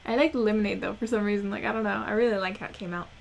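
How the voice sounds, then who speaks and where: A woman's voice: mid-range voice, fairly even intonation, very fast, creaky, a little hiss or hum. A woman chatting casually on a stream, laughing often and cooing at her dog in a sing-song voice. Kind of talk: casual chat while showing crafts and playing with her dog.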